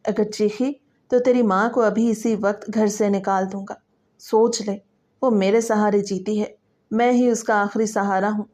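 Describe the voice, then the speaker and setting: A woman's voice: medium pitch, steady tone, natural voice. A woman voicing a menacing, coaxing stepfather. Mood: threatening. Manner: soft coaxing voice that turns to threats. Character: menacing middle-aged stepfather, predatory and coaxing. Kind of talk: dramatic story reading.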